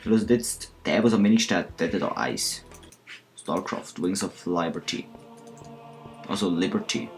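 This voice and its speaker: Chatty Swiss German gamer, low voice. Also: male voice, normal speed, long pauses, faint music behind. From Switzerland. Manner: chatty, self-mocking, talks to himself and viewers. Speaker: let's play host. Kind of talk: casual gameplay commentary.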